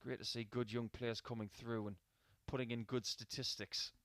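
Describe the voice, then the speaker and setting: A man's voice: mid-range voice, flat delivery, normal speed, fairly bright tone, no echo. Chatty male darts commentator, dry sound. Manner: chatty, anecdotal, mixing stats with asides. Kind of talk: live sports commentary.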